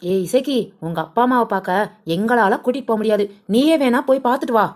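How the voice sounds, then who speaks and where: A woman voicing a fussy, excitable village woman in a cartoon who exclaims and complains. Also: fairly high pitch, quick pace, lightly acted. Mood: fretful. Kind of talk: cartoon voice acting.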